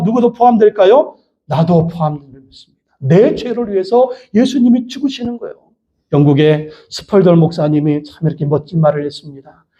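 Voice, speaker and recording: A man's voice: on the high side, mellow. A man preaching a sermon as pastor of a church, driving his points home with repeated rhetorical questions. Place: church worship hall. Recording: dull lo-fi sermon recording.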